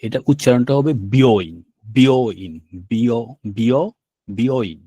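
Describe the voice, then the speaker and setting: A man's voice: medium pitch, animated, measured pace, a little mellow, dry recording, muffled recording. A man teaching a language class, patiently repeating words and checking that students follow. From Bangladesh. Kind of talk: classroom lesson explaining vocabulary.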